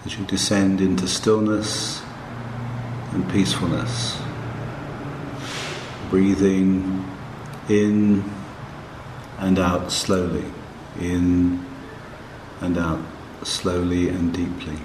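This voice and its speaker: A man leads a guided meditation in a low voice, calm and hushed. He speaks very slowly, leaving long pauses between short phrases. The recording is echoey, with a faint hiss behind him. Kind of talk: slow guided meditation narration.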